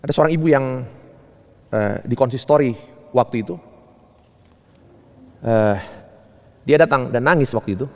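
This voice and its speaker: A male pastor preaching a sermon, telling stories and asking rhetorical questions, swinging between high and low phrases. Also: normal speed, long pauses, long reverb tail. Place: church.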